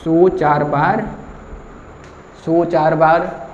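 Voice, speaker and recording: A man voicing a gruff, impatient barber who scolds his sleepy customer. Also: on the high side, fairly even intonation, extremely slow, echoey room, big-room sound, dull audio, slight background noise. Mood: scolding. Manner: scolding, blunt.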